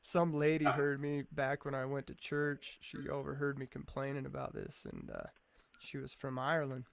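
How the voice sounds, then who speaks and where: Gravelly laid-back guy, swears freely. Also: mid-range voice, big pitch swings, normal speed. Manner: laid-back, profane storyteller who says "man" a lot. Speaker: podcast guest. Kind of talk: casual chat.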